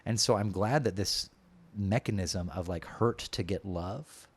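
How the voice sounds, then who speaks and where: A man's voice: low-pitched, unhurried, breathy edge. A man as a podcast guest in casual conversation, talking openly and reflectively with many filler words.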